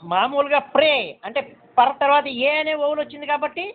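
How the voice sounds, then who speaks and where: A man's voice: very high voice, fast. A man teaching a shorthand lesson step by step, patiently repeating points and checking that students understand. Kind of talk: step-by-step classroom instruction. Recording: tinny phone-like recording.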